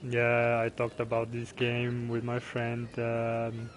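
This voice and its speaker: A native German man with a German accent, casually commenting on his game stream in a halting way. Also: medium pitch, completely flat delivery. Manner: halting, thinking aloud. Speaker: live streamer playing a golf game. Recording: noisy stream with game ambience behind.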